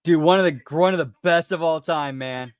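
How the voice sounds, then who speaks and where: A man's voice: fairly high pitch, fairly quick, clean tone, no room sound. A man commenting casually on a film as a reaction host, in informal, slangy speech. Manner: informal, slangy, often says dude and pal.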